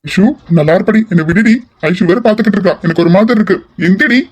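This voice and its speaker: Man as a tender young lover, somewhat high voice, fast earnest talk, shy, audio drama. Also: slightly rough. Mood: flustered. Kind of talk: amateur audio drama acting.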